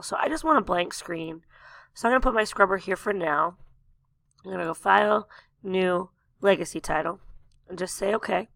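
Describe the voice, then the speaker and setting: A woman teacher talking through a software tutorial step by step, losing her voice, with coughs and throat clearing. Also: medium pitch, dry recording. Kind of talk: screen-recorded software tutorial.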